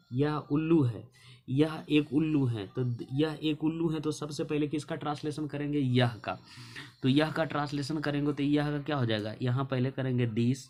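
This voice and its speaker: Teacher spelling English words aloud. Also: male voice, medium pitch, darkish tone. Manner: spells words out letter by letter, asks and answers his own questions; slow, drawn-out dictation of spellings. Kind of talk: classroom lesson explaining translation.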